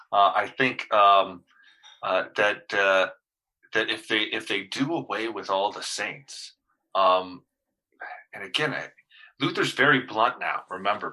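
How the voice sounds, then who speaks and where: A man's voice: fairly low pitch, bright, forceful tone, low-quality recording. A male pastor in casual discussion, talking hesitantly with many fillers and restarts.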